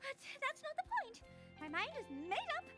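A refined, theatrical young fashion lover speaks in a very high, genteel voice. Her pitch rises and falls with drama. Loud music plays beneath. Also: huge pitch swings, moderate pace, exaggerated voice. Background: background music.

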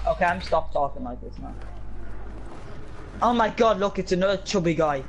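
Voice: medium pitch, expressive, moderate pace, background noise. A gamer joking around in casual chat while playing online with friends. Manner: joking, playful banter.

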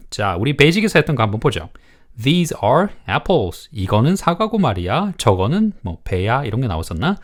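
A middle-aged man teaching an online English grammar lesson for children, chuckling often and reading example sentences slowly and clearly. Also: medium pitch. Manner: lively, chuckling, playfully answers imagined pupils.

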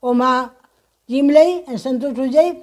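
A woman with a Rajasthani accent explaining a home ritual in a folksy, motherly way, chanting mantras slowly in a sing-song voice. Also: high voice, a little mellow. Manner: folksy, motherly, addresses viewers as children. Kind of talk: instructional talk with mantra chanting.

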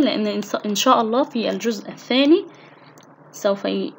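A woman's voice: medium pitch, a little hiss or hum. A woman teacher giving a recorded recitation lesson to children, asking questions and answering them herself. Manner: recites example words slowly and carefully.

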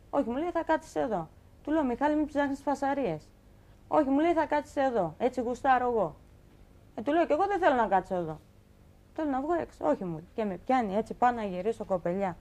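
Animated young woman recounting her story. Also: high-pitched. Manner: animated, acts out quoted dialogue. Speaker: guest telling her story. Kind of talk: emotional personal account on a talk show.

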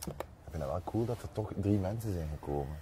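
Flemish man, animated pitch, casual host. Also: a little fast. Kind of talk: casual chat. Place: outdoor bar terrace at night. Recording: noisy outdoor terrace ambience.

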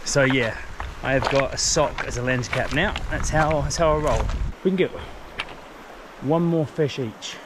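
A man in his forties with a New Zealand accent fly fishes by a forest river, excitedly talking to an action camera on his chest or in his hand. His mid-range voice is unhurried yet enthusiastic, with frequent exclamations. The outdoor recording clearly picks up the flowing river behind him.

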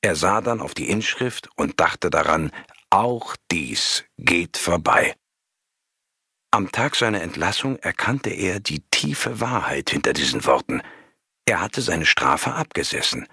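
A man reading a spiritual book aloud as scripted narration, calm and measured, with a husky voice. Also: low-pitched, dry recording, clean studio sound. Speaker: audiobook reader.

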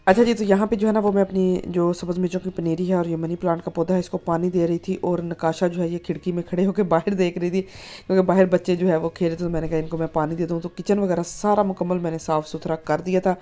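A woman's voice: fairly low pitch, little pitch movement, fast, dark tone, faint music behind. A woman, narrating her home vlog in a chatty way, full of filler phrases. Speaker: vlogger.

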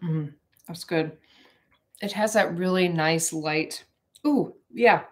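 Chatty woman in her forties with a lowish voice, rambling casually to live viewers from her kitchen. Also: slow pace. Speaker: vlogger hosting a live cooking stream. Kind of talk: casual live-stream chat while baking. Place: home kitchen, indoors. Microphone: camera on the counter.

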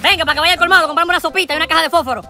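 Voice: very high-pitched, very fast. A performer voicing a hard-of-hearing cartoon uncle. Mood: fussy. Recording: loud music behind.

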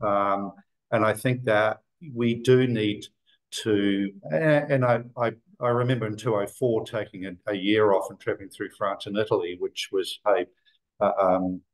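A man's voice: on the low side, steady tone, measured pace, rough recording. A man in his sixties from New Zealand, a guest talking casually on a video call and rambling with many fillers and restarts. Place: office room indoors.

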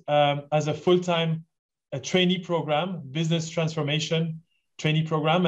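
A man in his forties from Switzerland, hosting an online session in a chatty, enthusiastic way and asking the audience questions. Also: a little high. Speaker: webinar host. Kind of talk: casual presentation on a video call. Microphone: video call. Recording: dull lo-fi video call audio.

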